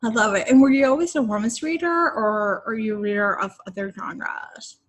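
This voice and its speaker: A woman's voice: fairly high pitch, expressive, normal speed. Rambling woman podcast host. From Puerto Rico. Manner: rambling, many fillers like "like" and "I don't know". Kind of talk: casual interview chat.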